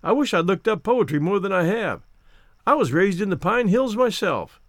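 A frank businessman talks in plain, homespun words, eager and direct, as a man plays him. His voice sits high and moves lively. The sound is dry and close. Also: normal speed, no echo. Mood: enthusiastic.

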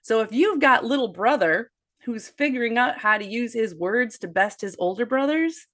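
A woman's voice: on the high side, moderate pace. Forty-something woman chatting about her boys, earnest, acts out little quotes. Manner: earnest, animated storytelling with quoted asides. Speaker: author and parenting guest. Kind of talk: conversational podcast discussion.

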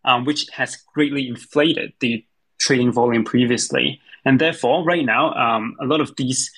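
A man talks through his points over an online audio call in halting, filler-heavy speech. His glitching audio drops out again and again. His voice has a husky edge. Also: medium pitch, fairly bright tone, poor audio. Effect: glitching audio that keeps cutting out. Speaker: guest panelist. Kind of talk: casual discussion on a live audio call.

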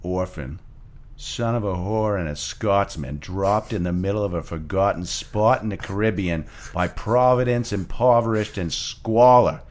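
A man's voice: low-pitched, measured pace, darkish tone. A man putting on a Boston accent to recite rap lines in a rhythmic, playful delivery.

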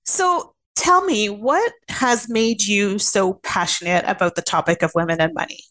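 A woman hosting a podcast interview, animated and quick to laugh. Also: mid-range voice, rough recording. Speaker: podcast host. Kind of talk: casual interview.

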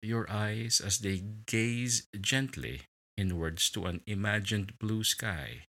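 A man leading a guided relaxation meditation in a slow, soothing way, with long pauses between words. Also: fairly low pitch, lively intonation, pushed and bright.

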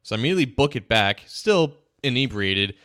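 A man co-hosting a sports podcast talks casually in an expressive, slightly bright, medium-pitched voice at a somewhat fast clip. He is chatty, tells stories, and restarts his sentences often.

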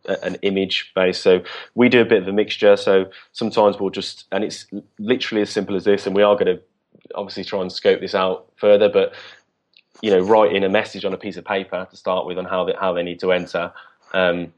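A man talking casually as a podcast guest, halting with many restarts and fillers. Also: sits low, little pitch movement, dull audio. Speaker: guest, business co-founder.

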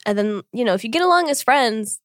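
A woman in her mid twenties, co-hosting a casual chat, telling stories in a relaxed way and laughing easily. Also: on the high side, quick pace, dry recording, clean studio sound. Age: mid 20s. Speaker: podcast co-host.

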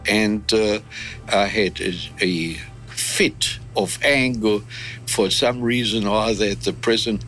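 Elderly man, low voice, very slow unhurried telling, faint music underneath. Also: a bit bright. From Germany. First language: German. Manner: slow and measured, with hesitant "uh" pauses. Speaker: war veteran interviewee. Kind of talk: recounting memories in an interview.

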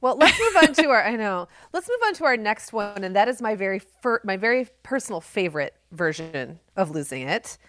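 A middle-aged woman co-hosts a casual conversational podcast, telling candid, self-deprecating stories in a big, projecting voice. Her mid-range voice is fairly bright, swings widely in pitch and moves briskly with hardly any pauses, and there is no room sound.

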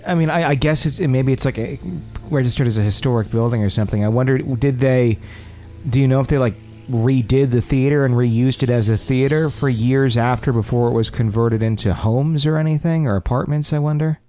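A man with a warm, mid-range voice talks fairly quickly as he hosts a podcast. He's agreeable and conversational, chatting and reading listener stories aloud while music plays behind him.

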